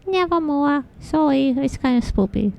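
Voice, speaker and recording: Comic talking raven, played by a woman: high, gravelly creak, timid, apologetic, awkward, silly poetry-reading sidekick. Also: lively intonation, normal speed, darkish tone. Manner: meek, awkward, hesitant comic asides.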